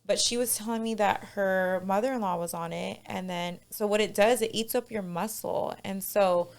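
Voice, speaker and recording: A woman's voice: mid-range voice, steady tone, normal speed, gravelly, a little hiss or hum. A woman personal trainer talks casually as a podcast guest. She laughs easily and leans on fillers as she explains things. Her voice sits in an ordinary middle range. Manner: giggly, lots of "like" fillers.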